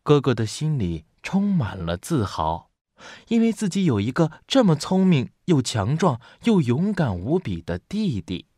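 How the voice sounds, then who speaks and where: Male storyteller, animated intonation, dry close recording, picture-book reading. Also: mid-range voice, dry recording. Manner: expressive, storytelling. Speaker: storybook narrator, voice teacher.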